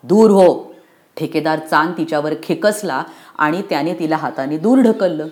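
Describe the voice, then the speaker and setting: A woman narrating a storybook in an expressive, rhythmic reading. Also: low voice, normal speed.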